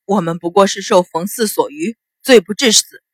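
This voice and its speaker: A woman's voice: medium pitch, normal speed, breathy edge, no echo, studio quality, lightly acted. A woman voicing a male accomplice who defends himself with forced defiance in an audiobook. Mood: defensive.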